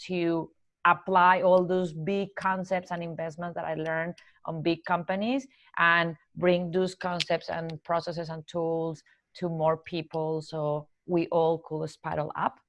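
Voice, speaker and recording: A Colombian woman with a Colombian accent, who works as a corporate trainer and coach, answers podcast interview questions earnestly and sets out her ideas in measured steps. Her voice is lowish with a flat delivery, and the recording is dry.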